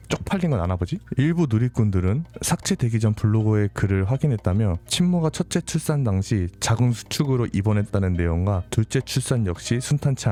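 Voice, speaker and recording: A man's voice: on the low side, warm tone. A young adult man hosting a true crime show, reading news items and commenting on them angrily, swearing often. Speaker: true crime channel host.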